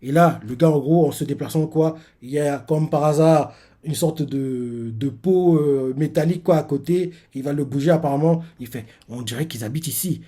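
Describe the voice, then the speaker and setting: A man reading a manga aloud on a live stream and reacting as he goes. He rambles, padding his sentences with fillers and repeats. His voice sits a bit high for a man. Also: moderate pace, mellow.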